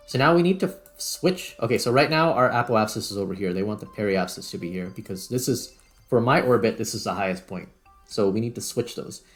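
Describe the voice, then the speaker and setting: Over background music, a gaming video host thinks aloud while giving casual gameplay commentary. His voice is lowish and gravelly.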